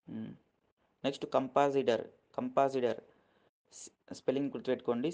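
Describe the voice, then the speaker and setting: Here a man with a medium-pitched, slightly mellow voice gives a casual Telugu lesson on English vocabulary. He spells words letter by letter, tacks "okay?" onto every point to make sure listeners follow, and lectures earnestly, sometimes emotionally.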